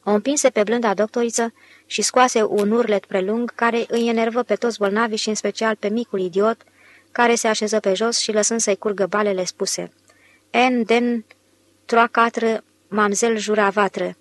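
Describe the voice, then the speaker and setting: A woman narrating an audiobook in a measured, expressive reading voice. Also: mid-range voice. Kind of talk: scripted narration.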